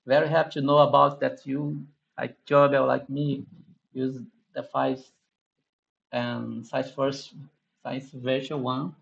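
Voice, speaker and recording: A man hosting a live online class Q&A, speaking haltingly with many restarts and thanks. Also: mid-range voice, level tone, vocal fry, lo-fi sound. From Brazil. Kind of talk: casual online class chat.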